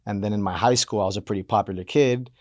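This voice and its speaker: A man in his thirties from Miami, a podcast guest, telling his life story in a relaxed, rambling way with lots of fillers. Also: fairly low pitch, fast talker, dry recording, clean studio sound. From Miami, Florida. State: banged up from hockey. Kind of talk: casual interview talk.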